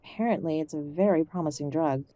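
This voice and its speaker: For an audio drama, a woman voices an ailing, loving older mother who is old-fashioned, stubbornly hopeful, and gently fussing, full of endearments. Her low, soft-edged, mellow voice sounds natural and moves at a quick pace, in a measured, serious mood. The recording is close and dry.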